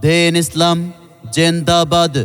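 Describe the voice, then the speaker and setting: Bangladeshi man, formal declamatory announcer, emphatic, even pitch, long reverb, music behind. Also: takes it slowly, smooth. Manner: formal, emphatic, repeating key phrases. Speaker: announcer for a religious gathering. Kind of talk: scripted promotional announcement, declamatory.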